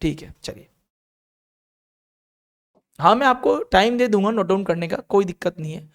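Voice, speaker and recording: A man's voice: high voice, quick pace, a bit bright. Indian man drilling a chemistry class. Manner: encouraging, repetitive drilling with call-and-response. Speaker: chemistry teacher. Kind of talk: classroom lecture to students.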